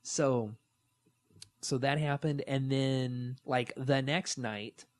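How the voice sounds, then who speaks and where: A man's voice: medium pitch, slow pace. A man in his thirties co-hosting a podcast, telling stories casually and acting out the quotes. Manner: animated storytelling, acts out quotes. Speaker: podcast co-host. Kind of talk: casual chat.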